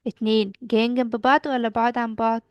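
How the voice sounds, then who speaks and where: A woman's voice: a little high, little pitch movement, rapid-fire, smooth, dry recording, lo-fi sound. A young woman with an Egyptian Arabic accent, teaching English to a child, patiently asking questions and repeating the answers. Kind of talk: children's language lesson.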